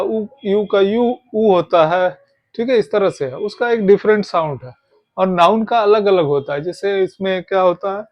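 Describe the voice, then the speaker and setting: High-voiced slow man teaching. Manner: mixes Hindi and English, explains step by step with frequent fillers. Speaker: language teacher. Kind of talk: casual lesson explaining pronunciation. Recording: slightly dull lo-fi audio.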